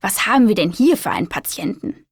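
A woman's voice: mid-range voice, wildly swooping pitch, brisk, vocal fry, slightly rough, dry recording, clean studio sound, heavily acted. A woman voicing a kind, patient male children's doctor in a storybook, encouraging and explaining.

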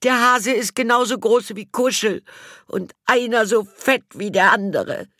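Exasperated mother in an audiobook, voiced by a woman, fretful, high pitched, slow. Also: a bit bright, dry recording, studio quality.

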